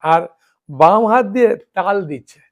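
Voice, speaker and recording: A male monk delivers a devotional sermon in a rather high voice. He keeps checking that his listeners follow him and recites lists of names slowly, one at a time. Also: expressive. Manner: keeps asking listeners "understood?". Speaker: monk preacher.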